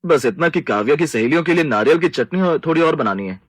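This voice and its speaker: A man voicing a polite, mild young husband in an animated family story. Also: fairly high pitch, fast, no room sound, clean studio sound.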